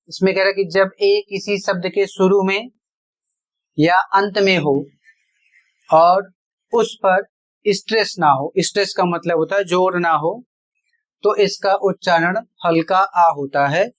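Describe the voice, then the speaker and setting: Unhurried classroom voice at a mid pitch; a teacher who spells out each rule and repeats every example. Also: steady tone. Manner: deliberate, repeats rules and examples step by step. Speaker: English pronunciation teacher. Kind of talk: slow explanatory online lesson.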